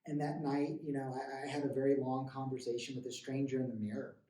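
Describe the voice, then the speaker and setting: Halting, earnest man, heard from afar. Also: medium pitch, flat delivery, warm tone. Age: 30s. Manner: earnest, halting, with many stammered restarts. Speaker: guest sharing a recovery story. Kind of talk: emotional personal testimony. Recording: roomy, distant mic.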